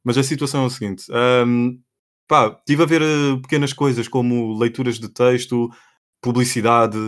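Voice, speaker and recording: Relaxed young Portuguese podcast man. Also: mid-range voice, moderate pace. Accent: European Portuguese. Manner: relaxed, rambling, many fillers like pá and epá. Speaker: podcast co-host. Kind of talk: casual podcast chat.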